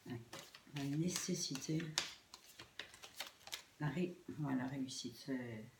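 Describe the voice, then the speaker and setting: A woman's voice: very deep voice, slow. A woman with a throat infection giving an informal tarot reading to online viewers, hesitant, trailing off and repeating her phrases. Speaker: tarot card reader. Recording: echoey room, faint noise and clicks.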